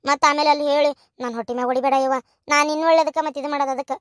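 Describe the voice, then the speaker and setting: A woman playing an older village gossip in a cartoon, hushed and wary, with a North Karnataka Kannada accent. The voice is very high and recorded dry. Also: fairly even intonation, rapid-fire, dry recording, lightly acted. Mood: confiding. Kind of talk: cartoon voice acting.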